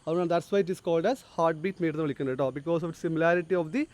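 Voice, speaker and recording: A male teacher giving a classroom lecture, explaining step by step, quizzing his students and reading English lines slowly and deliberately. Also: a little high, a little mellow. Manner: explains, then asks the class to answer.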